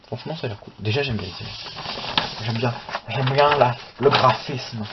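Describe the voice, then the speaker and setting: A man's voice: medium pitch, normal speed. Rambling young man unboxing manga. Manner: rambling, self-talking, casual swearing. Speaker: manga channel host. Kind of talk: casual unboxing chat. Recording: dull recording with steady noise.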